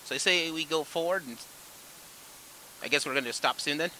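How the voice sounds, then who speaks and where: A man's voice: fairly high pitch, brisk, bright, forceful tone, rough recording. A man leading a casual gaming session, chatting in a self-deprecating way and breaking into laughs. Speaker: game player leading the session.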